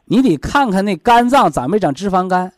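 A high-voiced man with a Northeastern Chinese accent gives folksy health advice. His intonation is very lively, and he repeats points in plain, colloquial words. The sound is dry, with little room on it. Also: brisk, no echo. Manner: colloquial, explains with homely analogies and repeats himself. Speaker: health expert advising callers on a radio programme.

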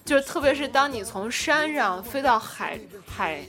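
Young woman host, casual storyteller, acts out dialogue, highish voice, faint music behind. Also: expressive, moderate pace. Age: young adult. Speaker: podcast host. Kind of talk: casual chat.

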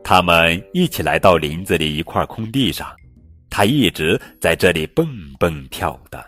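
A man's voice: deep voice, no room sound. A man reading a children's picture book aloud in a storytelling voice, with light music behind. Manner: slow, lively storytelling. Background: light background music.

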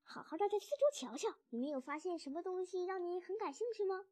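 A woman voicing a sly, confident father fox who talks in a smooth, teasing way in a storybook reading. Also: very high voice, lively intonation, fast, warm tone, pitched above the performer's own voice.

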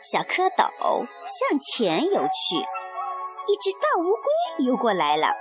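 Woman in her thirties, storytelling mother, high lively voice, slow sing-song reading, music underneath.

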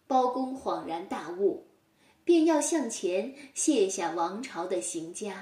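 A woman telling a story for children, gentle and expressive. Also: mid-range voice, slow, reverberant, distant mic.

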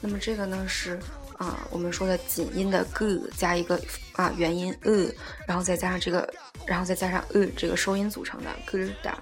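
A woman teaching a language lesson, explaining word by word and repeating each example slowly and patiently. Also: fairly low pitch, little pitch movement, faint music behind.

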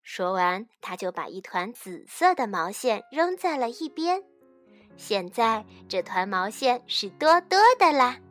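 A woman teacher reading a bedtime story to children in a gentle, expressive way. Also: a little high, a little slow, no room sound, clean studio sound, soft background music.

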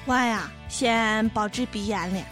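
Sassy, high-voiced Shaanxi woman. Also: measured pace, over music. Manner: sassy, blunt, scolding. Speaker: co-host of a satirical news show. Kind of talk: comic news commentary.

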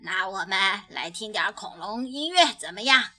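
A woman voicing a patient, gentle grandmother in a storybook, speaking softly and soothingly in a lowered voice. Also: lively intonation, moderate pace, soft background music. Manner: soft and soothing.

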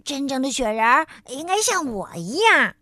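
A woman voicing a lively, stubborn little frog boy who exclaims excitedly. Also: high-pitched, normal speed, no echo, studio quality, full character voice.

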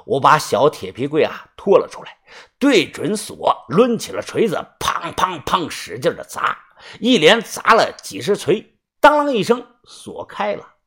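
Male audiobook narrator, first person, husky, lively pitch, chatty. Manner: chatty, relaxed, drawn-out filler syllables.

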